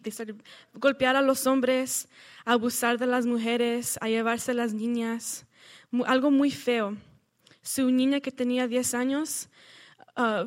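A woman shares a testimony in church. She tells it earnestly and conversationally, stopping to restart her sentences, in a fairly high voice. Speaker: church member sharing a testimony.

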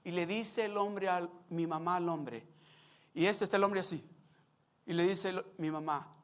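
High-voiced male preacher. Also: normal speed. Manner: animated, acts out scenes. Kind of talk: sermon with storytelling.

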